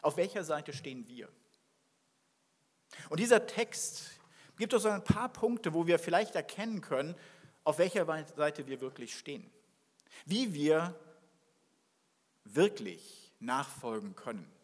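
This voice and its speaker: A man's voice: on the high side, unhurried, long pauses. A man preaching a sermon as pastor, reading scripture and then acting out little dialogues as he tells his story. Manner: animated, acts out dialogue in his telling. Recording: long hall reverb.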